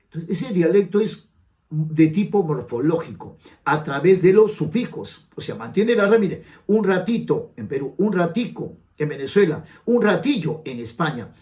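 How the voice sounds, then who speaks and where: Peruvian guy teaching grammar for an exam, kinda high voice, bouncy, keeps asking the viewers questions. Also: sing-song, normal speed, darkish tone. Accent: Peruvian Spanish. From Peru. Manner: rhetorical questions to the viewer, emphatic. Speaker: language teacher. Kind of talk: exam-prep grammar lesson.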